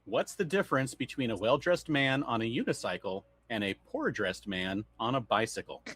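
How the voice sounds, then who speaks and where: A man's voice: medium pitch, animated, moderate pace, fairly bright tone, slightly rough. A man co-hosting a casual podcast chat, reading dad jokes aloud and laughing often. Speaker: podcast co-host.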